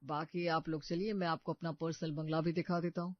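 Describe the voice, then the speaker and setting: A man voices a protective, scheming young working-class brother who poses as a rich suitor in a cartoon story, sounding smooth, boastful, assured and earnest. His fairly high voice keeps a level tone at a brisk pace, close to how he'd normally talk. The dry studio recording is muffled, with no room sound.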